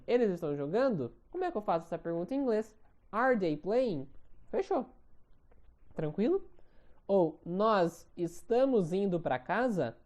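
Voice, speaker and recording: A Brazilian man teaches an online English grammar lesson, his voice mellow and warm. He keeps checking in with his students through short questions. He slows right down whenever he spells out an example. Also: high voice. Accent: Brazilian Portuguese.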